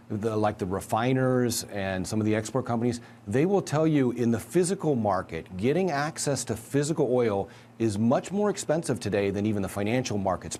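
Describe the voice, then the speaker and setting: Low-voiced man analyzing markets. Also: a little mellow, slight background noise. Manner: measured, analytical, emphatic asides. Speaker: market strategist guest. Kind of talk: financial news interview.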